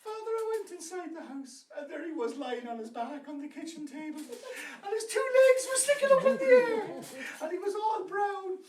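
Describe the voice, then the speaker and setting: A man's voice: lively intonation, normal speed, hardly any pauses, a little mellow. A man putting on a wailing old countrywoman. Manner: high, wailing falsetto. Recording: echoey barn from far off with noise.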